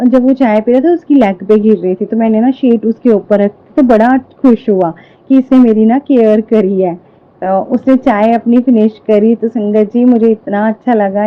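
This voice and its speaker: Earnest woman on a tinny phone line. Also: fairly high pitch. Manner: earnest, repeatedly addresses the congregation, many fillers. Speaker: devotee sharing a testimony. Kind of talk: devotional testimony to a prayer group.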